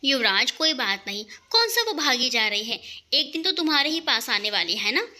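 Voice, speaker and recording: A woman's voice: high-pitched, very animated, moderate pace, pushed and bright, exaggerated voice. A woman voicing a fond elderly grandmother in a romantic audio story, giving soothing, affectionate advice. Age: older.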